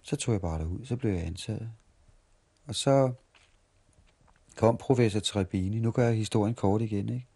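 Man in his 40s from Denmark, somewhat low voice, rambling anecdotal interviewee who stumbles and restarts. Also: dark tone, breathy edge. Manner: halting, repeats and restarts words while reminiscing. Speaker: street performer interviewee. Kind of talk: storytelling interview.

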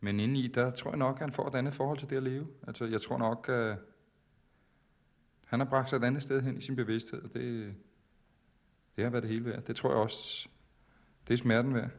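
A man speaking calmly and reflectively in casual conversation, pausing with hesitant fillers. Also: mid-range voice. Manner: calm, musing, hesitant with fillers.

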